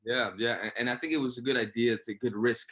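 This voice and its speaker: Fast-talking and forceful, this man is an actor fielding a post-show Q&A as a guest. His mid-range voice stays steady yet bright, and he speaks earnestly and emphatically, repeating phrases as he reflects.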